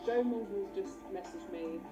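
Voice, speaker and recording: A woman's voice: medium pitch, normal speed, over loud music. A British woman chatting casually, plain-spoken and informal, with slang in her speech. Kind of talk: casual conversation.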